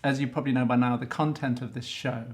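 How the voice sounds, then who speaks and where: A man's voice: mid-range voice, flat delivery, quick pace. A middle-aged man hosting a casual interview, chatty and teasing, laughing easily. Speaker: interviewer, fashion photographer.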